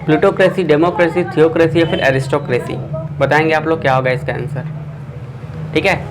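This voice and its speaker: A man's voice: on the high side, steady tone, fairly quick, background noise. Man teaching an online exam class. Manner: quizzing viewers with a repeated filler.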